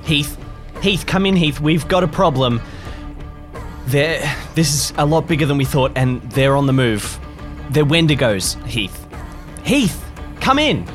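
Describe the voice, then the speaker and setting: A man's voice: a little high, big pitch swings, a little fast, fairly bright tone, faint music behind. A man playing a worried team leader under monster attack in a tabletop game, insistent and urgent. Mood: alarmed. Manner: insistent, repeating calls.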